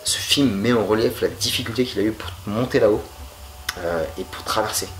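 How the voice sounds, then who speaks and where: Low-voiced joking male film reviewer. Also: fairly quick, noisy background. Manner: chatty, slangy, joking. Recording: music playing under voice.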